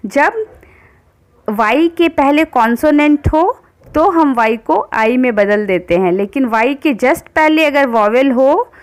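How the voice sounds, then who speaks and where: A woman teaching English grammar, reading each rule out slowly and then explaining it in Hindi, asking and answering her own questions. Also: high-pitched, animated. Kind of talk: explanatory lesson.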